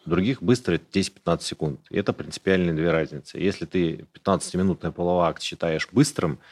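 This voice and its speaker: A man with a very deep, low voice talks through medical details in a relaxed podcast chat. His manner is explanatory and matter-of-fact, plain and unembarrassed. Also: fast. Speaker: urologist guest. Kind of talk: casual podcast conversation.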